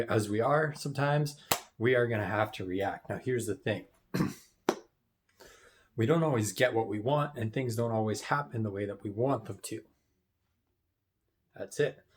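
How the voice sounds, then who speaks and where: Lowish-voiced man giving casual business advice. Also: slight background noise. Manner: conversational, often adds "right?" and clears his throat. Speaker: business financing coach. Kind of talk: casual motivational talk to camera. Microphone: wearing headphones.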